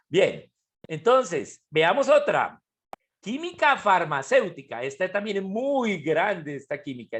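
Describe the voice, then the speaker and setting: A man with a slightly high, somewhat bright voice explains chemistry step by step to an online class. He often checks whether his students follow, speaking through a computer mic on a video call.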